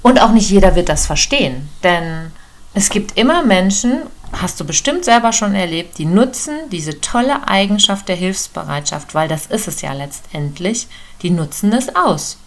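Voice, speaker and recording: A woman's voice: on the low side, expressive, moderate pace. A woman giving a personal, direct self-help talk that speaks to the listener as a friend. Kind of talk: casual coaching monologue. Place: room indoors with a door.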